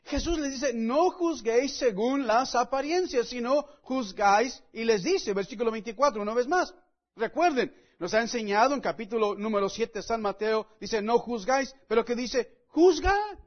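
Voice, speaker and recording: Earnest male preacher, high voice, measured slow delivery, leaning hard on key words; muffled lo-fi sound. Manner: earnest, repeatedly addresses listeners as friends; emphatic, stresses key words. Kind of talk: sermon with scripture reading.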